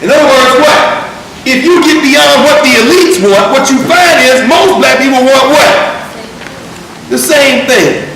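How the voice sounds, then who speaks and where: High-voiced lecturer in an echoey classroom. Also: male voice, unhurried, recorded from a distance, heavy background noise. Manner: animated, shifts between reading aloud and emphatic asides. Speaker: university lecturer. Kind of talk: classroom lecture reading and commenting on a text. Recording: echoey lecture room recorded from afar.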